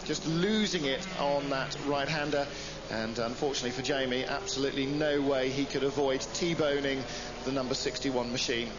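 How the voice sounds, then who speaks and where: High-pitched male motorsport commentator, muffled sound. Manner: vividly narrates replays, acting out drivers' thoughts. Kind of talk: live motor race commentary. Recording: muffled broadcast with clear engine noise.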